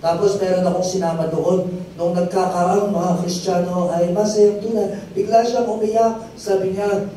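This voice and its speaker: A man's voice: high voice, level tone, normal speed, warm tone. A man preaching a sermon as pastor, telling stories and calling again and again for the crowd to answer "amen". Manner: call-and-response, keeps asking the crowd for "amen"; storytelling testimony with rising emphatic peaks. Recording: very echoey hall, mic far off, faint noise.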